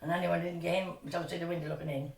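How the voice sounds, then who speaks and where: A woman's voice: on the low side, flat delivery, rapid-fire, gravelly. Chatty woman in her sixties. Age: 60s. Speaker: interviewee. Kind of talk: casual reminiscing. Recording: echoey room, distant mic.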